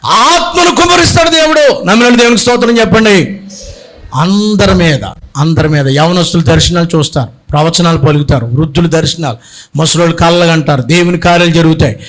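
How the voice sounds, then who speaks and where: A man preaching a sermon as a bishop, telling stories and acting out the people in them, with sudden shouted lines. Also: on the high side, a little fast. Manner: animated preacher, acts out characters and bursts into shouts. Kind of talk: Telugu sermon with storytelling.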